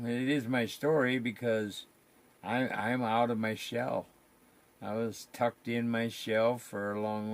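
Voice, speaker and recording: An older man, chatting casually and rambling in folksy, colloquial talk on his live stream. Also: fairly low pitch.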